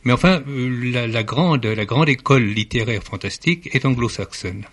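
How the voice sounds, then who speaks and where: A man's voice: mid-range voice, expressive, normal speed, a bit bright. A man speaking as a literary critic guest in a radio studio discussion, formal and hesitant, with many fillers and restarts. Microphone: studio microphone.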